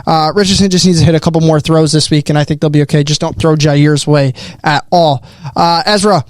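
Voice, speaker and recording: Brief: young male podcast host, halting filler-heavy delivery, slightly high, dry close mic. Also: fairly even intonation, dry recording. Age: young adult. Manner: hesitant, filler-heavy "uh" before most phrases. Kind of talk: casual sports podcast chat.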